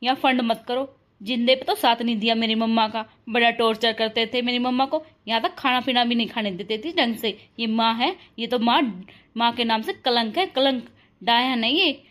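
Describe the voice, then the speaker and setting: A woman voicing an angry grieving daughter who loudly accuses her relatives in a cartoon story. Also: a little high, close to an everyday voice. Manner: loud, accusing, fast.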